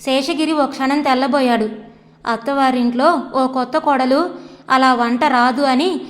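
A woman storyteller reading a novel aloud in an even, measured way. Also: sits high, in a large hall.

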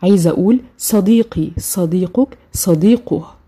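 A woman with an Egyptian Arabic accent giving a recorded language lesson, saying each word twice, slowly, for practice. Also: on the low side, mellow, slightly rough. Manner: slow, repeats each word twice for drill. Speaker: language teacher.

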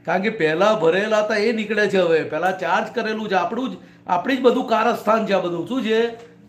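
A man with a high-sitting voice talks a little fast as he delivers a spiritual discourse to a small group in a private home. He's a spiritual teacher who frequently asks his listeners short questions, and the room echoes.

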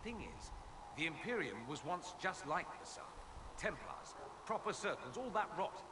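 A witty, haughty noble mage. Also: male voice, sits high, big pitch swings, normal speed, distant mic, noisy background. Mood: wry, proud. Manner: proud, witty, theatrical flourishes. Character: haughty charming male noble mage, exiled and wry. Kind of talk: video game dialogue.

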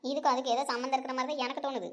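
A woman voicing a sharp-tongued old village grandmother in a cartoon, gruff and scolding. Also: sits high, fairly even intonation, very fast, muffled recording, natural voice. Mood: suspicious. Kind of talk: cartoon voice acting.

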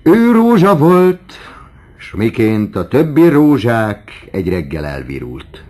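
A man's voice: medium pitch, big pitch swings, darkish tone, pitched above the performer's own voice, close to an everyday voice. A man reading an audiobook, voicing a sly, sardonic forty-year-old man who drawls his mocking remarks theatrically. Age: 40s.

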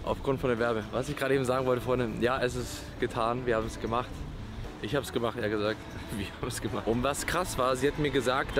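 A man's voice: mid-range voice, noisy background. A man in his twenties chatting casually to viewers as a vlogger. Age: 20s. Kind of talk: casual vlog chat to viewers. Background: music.

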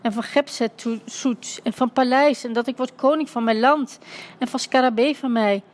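A woman voicing an excitable young boy mummy who talks in broken grammar. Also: a little high, moderate pace, natural voice. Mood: eager. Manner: eager, speaks in broken grammar.

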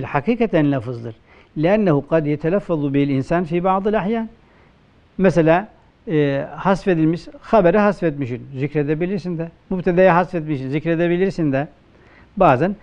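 A man with a Turkish accent, a religious teacher giving a classroom grammar lecture, who poses questions and answers them himself, and slows down to quote texts. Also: high-pitched, lo-fi sound. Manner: asks questions and answers them himself, slow emphatic quoting.

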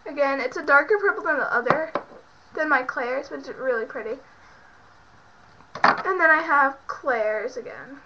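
A congested young woman who is clearly sick talks at normal speed in a high-pitched voice, leaving long pauses as she rambles through a casual product show-and-tell with many fillers. She's a beauty vlogger in her bedroom at home. Recorded on a built-in webcam mic, the audio is muffled and lo-fi with background noise.

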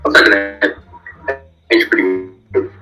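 A man's voice: low-pitched, a little slow, music in the background. A young man in his late teens on a video chat, laid-back and blunt. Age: young adult.

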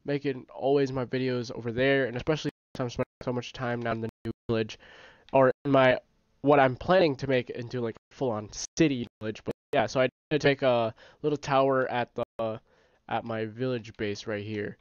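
A man with a stuffy nose giving casual, rambling gameplay commentary as the host of his own gaming channel, often correcting himself and getting excited. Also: mid-range voice, a little fast, smooth, dry recording. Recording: dry, slightly dull home recording.

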